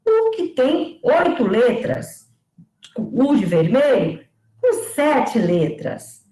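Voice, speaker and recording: A woman lecturer giving an online teaching lesson, explaining slowly and sounding out words syllable by syllable. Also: high voice, echoey room, rough recording. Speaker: pedagogy lecturer.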